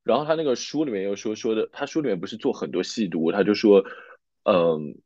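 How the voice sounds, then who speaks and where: A man's voice: fairly low pitch, fairly quick, darkish tone, no room sound. A man hosting a podcast who talks through his readings in a reflective, casual way, mixing Chinese and English. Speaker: podcast host. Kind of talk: casual academic chat. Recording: dull, dry sound.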